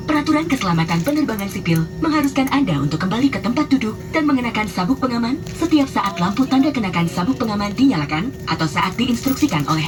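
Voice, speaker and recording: Female cabin announcer, formal flight safety demo read with lively, varied intonation over music. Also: medium pitch. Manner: formal, instructional.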